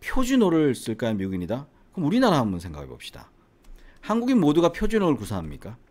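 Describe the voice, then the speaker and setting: A middle-aged man with a faint trace of a Gyeongsang accent talks straight to the camera as an English academy teacher. His voice sits at an ordinary middle pitch, but his intonation rises and falls a lot. He keeps asking the viewer questions as he makes his points. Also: huge pitch swings, fast, darkish tone. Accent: faint Gyeongsang Korean. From Gyeongsang region, South Korea. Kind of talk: casual educational monologue to camera.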